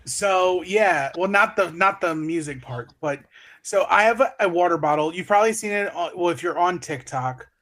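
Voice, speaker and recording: A man co-hosting a podcast who explains things eagerly and excitedly among friends. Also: high voice, moderate pace. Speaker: podcast co-host. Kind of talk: casual banter among friends.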